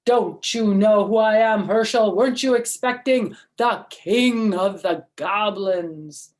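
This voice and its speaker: A woman voicing a mighty, menacing goblin king in a storybook, loud, deliberate and taunting. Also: mid-range voice, natural voice.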